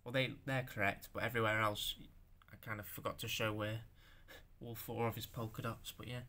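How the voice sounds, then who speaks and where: A young man with a bright, forceful voice shows off his handmade figures in a loose show-and-tell. He stammers, restarts and swears as he goes, and he sounds unused to talking out loud. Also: fairly low pitch, flat delivery. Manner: halting, stammering, swears, self-conscious. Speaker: stop-motion creator showing his figures.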